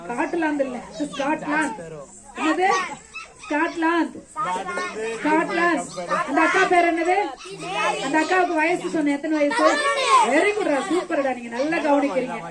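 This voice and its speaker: A high-pitched woman tells a Bible story to a group of children. She peppers them with questions and coaxes them fondly as she goes. Children's chatter fills the background of this outdoor recording. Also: normal speed, long pauses. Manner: keeps asking the children questions and answering them; coaxing and affectionate with the children. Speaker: children's ministry teacher. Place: outdoors during rain. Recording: children's chatter all around.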